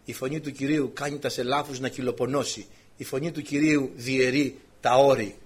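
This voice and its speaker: With a husky, mid-range voice and fairly even intonation, a man delivers a fervent sermon, posing rhetorical questions and frequently calling the congregation brothers.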